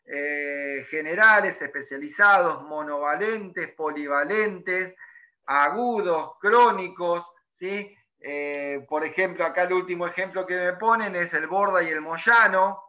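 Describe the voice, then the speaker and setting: This is a class lecture from a male teacher whose bright, pushed voice sits high and moves at a measured pace. He explains as he goes, repeatedly checking in with the students by asking "¿sí?". The recording is muffled, dull and lo-fi.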